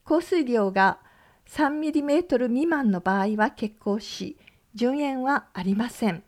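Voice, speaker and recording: Higher-voiced woman reading community notices. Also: expressive. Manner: measured, clear reading of lists and numbers. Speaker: radio announcer.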